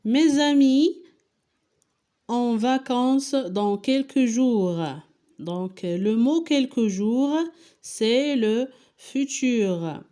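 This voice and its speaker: A woman's voice: on the high side, very slow, warm tone. A woman with a Moroccan accent, teaching a lesson and correcting a worksheet, asking questions and answering them step by step while spelling out answers.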